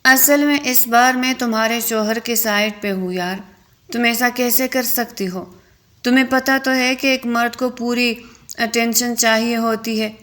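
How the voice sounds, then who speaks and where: A stern young man lectures a weeping friend in a storybook. A woman voices him in her own fairly high voice, without deepening it much. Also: fairly even intonation, fairly bright tone, natural voice. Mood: exasperated. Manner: stern, scolding.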